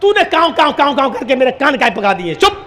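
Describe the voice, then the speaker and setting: A man's voice: extremely high pitch, big pitch swings, fairly quick, bright, forceful tone, voice pushed up, heavily acted. A man voicing a trapped pigeon that whines and scolds in a raised voice. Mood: whiny. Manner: whiny, scolding. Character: panicky trapped pigeon, male.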